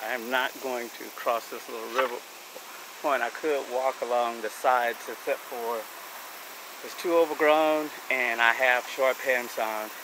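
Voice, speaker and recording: A middle-aged man casually narrating his bike ride outdoors on a wooded creek trail, rambling and chuckling a little nervously, recorded on an action camera. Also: medium pitch. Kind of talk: casual narration while cycling. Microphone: helmet or handheld action camera. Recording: outdoor camera mic with clear wind and road noise.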